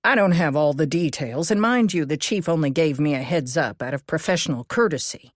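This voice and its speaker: A woman voices a calm, cautious businessman in a cozy mystery audiobook. He explains in a measured manner, low in register, with a dry, close sound. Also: no room sound. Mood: careful.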